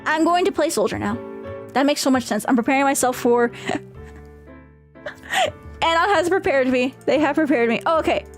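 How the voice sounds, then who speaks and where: A woman's voice: high-pitched, animated, moderate pace, pauses often, faint music behind. A woman livestreamer chatting casually with viewers in a cute, girlish anime-streamer manner, playful and often repeating her phrases. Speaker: VTuber streamer answering viewer questions.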